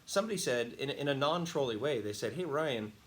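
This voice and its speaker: A man hosting a casual talking-to-camera monologue, telling stories in a chatty, animated way and laughing often. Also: mid-range voice, fast talker. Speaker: host.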